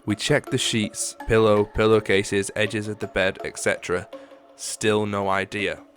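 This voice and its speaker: A young man hosting a casual solo podcast, reading out stories and reacting with drawn-out exclamations. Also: lowish voice, little pitch movement, a bit bright, faint music behind. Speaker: podcast host.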